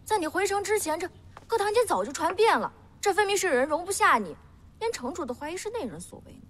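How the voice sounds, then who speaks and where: A woman's voice: very high-pitched, big pitch swings, fast, a bit bright, in a large hall, heavily acted. An actress playing a young female attendant in a costume drama, inquisitive and outspoken, deferential yet pressing. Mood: insistent.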